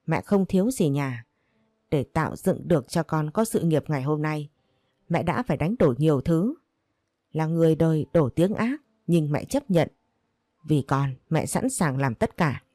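A bitter, controlling older mother, read by a woman storyteller scolds in a low, mellow voice. She turns every reproach into self-pity. The sound is close and dry. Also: lively intonation, moderate pace, dry recording. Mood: scolding.

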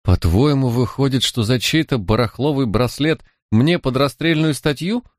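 A man's voice: medium pitch, moderate pace, no echo, studio quality, pitched above the performer's own voice, natural voice. A man voicing a streetwise young woman thief, sulky, stubborn and full of defiant slangy back talk. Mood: defiant whining.

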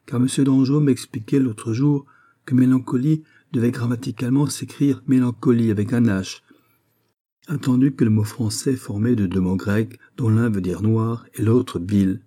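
A sly, teasing young court lady from a storybook reading, voiced by a man who lifts his pitch for her. The voice underneath stays dark and husky, and the irony keeps coming through. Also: steady tone, normal speed, lightly acted. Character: mocking young lady-in-waiting, teasing and ironic.

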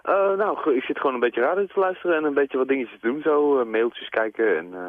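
A man's voice: medium pitch, expressive, quick pace, no echo. A man from near Den Bosch calling in to a late-night radio quiz over the phone, talking casually and hesitantly with many fillers. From Netherlands, near Den Bosch. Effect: heard over a phone line. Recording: tinny dry phone line.

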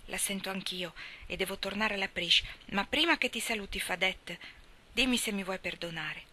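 A woman's voice: mid-range voice, moderate pace, sharp tone. A woman reading the part of an impetuous young country boy, pleading and insistent.

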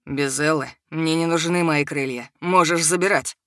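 A woman's voice: sits low, fairly even intonation, moderate pace, a bit bright, no room sound. A woman voicing a cold, aloof male dragon who mocks a goddess, in a dry audiobook recording. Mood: cold mocking. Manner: cold, mocking.

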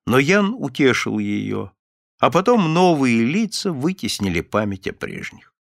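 A man narrating a fairy tale as an audiobook, with an animated, expressive reading. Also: medium pitch, vocal fry, no echo, studio quality.

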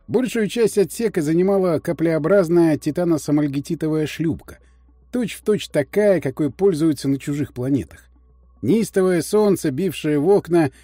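Expressive male storybook narrator. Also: fairly high pitch, dry recording. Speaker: audiobook narrator. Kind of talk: scripted narration.

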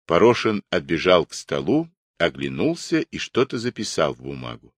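A man narrating a historical novel in an expressive, dramatic reading. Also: sits low, normal speed, dry recording, clean studio sound. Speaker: audiobook narrator.

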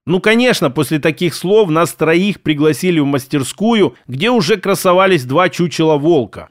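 A man narrating a first-person story as an audiobook in an even storytelling manner. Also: on the high side, normal speed, no echo, studio quality.

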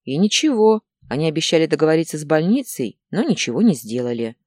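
A woman voicing a calm, tired young man who answers quietly in an audiobook story. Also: sits low, fast talker, no room sound, clean studio sound. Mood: subdued.

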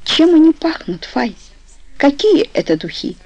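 Woman reading as a soft-spoken tender husband. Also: high-pitched, very animated, a little slow, lo-fi sound, a little hiss or hum, pitched above the performer's own voice, exaggerated voice. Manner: soft, affectionate, murmuring. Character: tender sleepy husband, young man.

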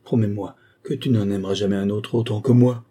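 A man's voice: lowish voice, fairly even intonation, fairly quick, dark tone, slightly rough. A man reading aloud, voicing a jealous, pleading young boy. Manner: pleading, emotional.

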